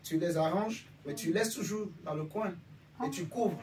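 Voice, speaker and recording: A Benin preacher with a high, darkish voice addresses his congregation at a moderate pace in an informal, conversational way. He often asks if they follow him and seeks their agreement, recorded on a distant mic with faint background noise.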